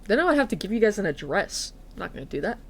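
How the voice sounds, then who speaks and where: A woman with a mid-range, sing-song voice talks at a racing clip while faint music plays behind her. She's a streamer and teacher chatting casually on stream, sniffly and stuffy-nosed, swearing and making fun of herself.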